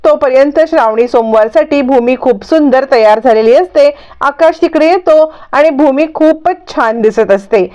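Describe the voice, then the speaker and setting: High-voiced woman recapping a serial. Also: normal speed, warm tone. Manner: storytelling, repetitive linking phrases. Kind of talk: scripted recap narration. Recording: dull lo-fi recording.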